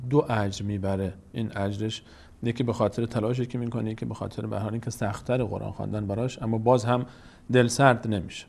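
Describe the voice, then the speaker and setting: A middle-aged male Quran reading teacher with a low voice and a gravelly edge. He drills practice words one by one, clearly and slowly, then explains things calmly with plenty of fillers. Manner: repeats each word slowly and clearly for practice; calm explaining with many fillers. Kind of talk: call-in lesson, drilling words aloud.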